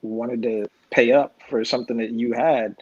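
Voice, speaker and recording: A man's voice: mid-range voice, normal speed, slightly rough, no room sound. Guest panelist, male, laid-back and reflective, restarts his sentences; dull stream audio. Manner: relaxed, thoughtful, repeats words when starting thoughts. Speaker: guest comics creator. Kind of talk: casual panel chat.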